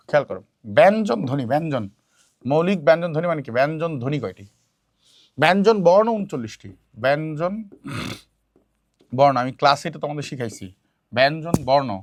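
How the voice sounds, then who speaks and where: A man's voice: on the high side, no echo, clean studio sound. A man teaching a grammar lesson for exam prep, repeating key points and quizzing students, dropping in English words. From Bangladesh.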